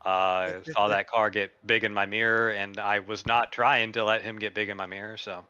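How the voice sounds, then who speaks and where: A man's voice: lowish voice, little pitch movement, normal speed, pushed and bright, clean tone, lo-fi sound. A man being interviewed after a sim race, talking in a rambling, modest way with many fillers. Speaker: racing driver guest.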